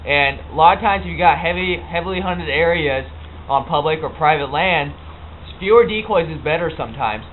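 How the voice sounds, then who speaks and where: Thin, phone-like audio with faint noise carries a man's voice, pitched a little high. He explains how something is done in an informal, unscripted way. His delivery is halting and plain-spoken, like an everyday instructor. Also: lively intonation. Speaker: hunting instructor.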